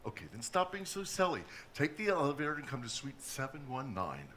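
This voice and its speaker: An actor playing a flirtatious, pushy Hollywood producer in a stage play. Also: male voice, medium pitch, fairly quick, a little hiss or hum. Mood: coaxing. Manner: coaxing, lively, exuberant.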